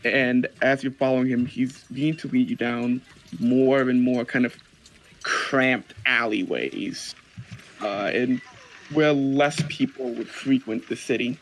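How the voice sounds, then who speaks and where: A man's voice: medium pitch, steady tone, measured pace, slight background noise. A man narrating a tabletop role-playing game as dungeon master, describing scenes loosely with many fillers.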